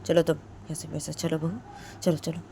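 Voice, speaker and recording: A woman's voice: sits low, level tone, brisk, gravelly, mellow, a little hiss or hum. A woman voicing a stubborn, protective middle-aged mother-in-law who insists and repeats herself. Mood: insistent.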